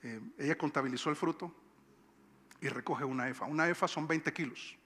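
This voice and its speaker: A man's voice: a little high, fairly quick, sharp tone, breathy edge. A male pastor with a Colombian Bogotá accent, preaching a conversational sermon and repeating phrases for emphasis. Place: church sanctuary. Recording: long church-hall reverb.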